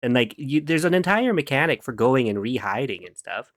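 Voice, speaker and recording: A playful male streamer talks to his chat in a mid-pitched voice, now and then breaking into little hummed tunes. The sound is dry and close, with no room around it. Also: animated, brisk, no echo. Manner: playful, giggly, hums and scats to himself while working. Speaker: streamer chatting with viewers. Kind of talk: casual live-stream chat.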